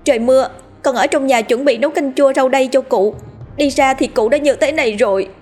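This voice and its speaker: A woman's voice: high-pitched, a little fast, a little mellow, soft background music, pitched above the performer's own voice. A woman doing a stammering, panicky young servant girl. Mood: sobbing. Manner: stammering, out of breath.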